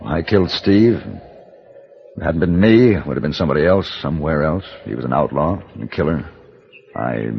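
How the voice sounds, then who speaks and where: An actor playing a stoic, courteous gunman in a vintage radio western, with a grave, measured delivery. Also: low voice, creaky. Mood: somber. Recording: muffled old radio recording with faint music.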